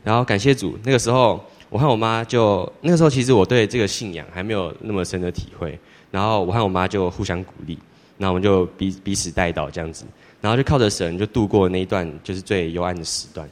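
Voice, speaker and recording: A teenage boy giving a church testimony in a rambling, halting way, with many restarts. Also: sits low. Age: teens. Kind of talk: personal testimony. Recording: long hall reverb.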